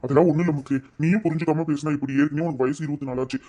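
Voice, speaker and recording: An actor voicing a caring father of the bride in a cartoon, speaking in a coaxing, rapid, questioning way. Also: medium pitch, fairly even intonation, mellow, natural voice. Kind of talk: cartoon voice acting.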